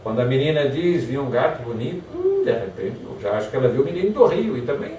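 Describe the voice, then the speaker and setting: A man's voice: fairly high pitch, fast, slight background noise. A man giving a motivational lecture, acting out example phrases in different tones. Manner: lively, acts out example phrases in varied tones. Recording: echoey hall from far off.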